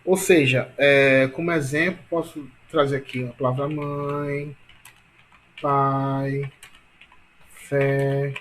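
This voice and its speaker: Higher-voiced man teaching a grammar lesson. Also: fairly even intonation, a bit bright, a little hiss or hum. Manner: repetitive, filler-heavy explaining with frequent tag questions; stretches key words slowly for emphasis.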